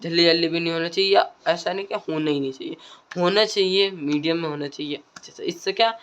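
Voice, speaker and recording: A man's voice: a little high, a little fast, fairly bright tone, highs cut off, slight background noise. A man giving casual spoken tips on public speaking, often repeating phrases and adding tag questions and fillers.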